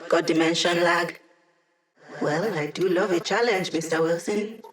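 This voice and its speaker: A woman's voice: on the low side, unhurried, close to an everyday voice. A young hacker ally from a video game, played by an actress. She is playful and wry. Her delivery is casual, full of teasing asides.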